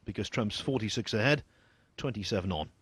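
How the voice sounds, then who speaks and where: Hushed, slightly husky male snooker commentator. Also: on the low side, expressive, no room sound. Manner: measured, understated.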